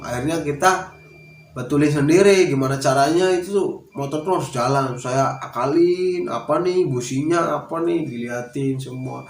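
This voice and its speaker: A man casually recounting a story for his vlog, his voice mid-pitched and ordinary. He rambles, loops back and leans on little fillers. The room rings with echo under a faint hiss. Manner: rambling, repeats fillers like "tuh" and "gitu kan". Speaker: vlogger. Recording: echoey room with faint noise.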